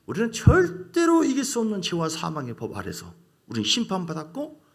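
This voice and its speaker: A male pastor preaches a sermon with a lively, swinging pitch that sits a little high for a man. He drives his points home emphatically and keeps throwing questions out to the congregation. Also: brisk. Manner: emphatic, call-and-response with congregation.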